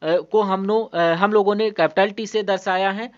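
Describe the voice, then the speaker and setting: A man's voice: sits high, fairly even intonation, moderate pace. A man teaching a biology lesson, explaining patiently and repeating points, often asking a question and then answering it himself, with frequent hesitations and restarts. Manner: patient, repetitive, asks and answers own questions. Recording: dull lo-fi sound.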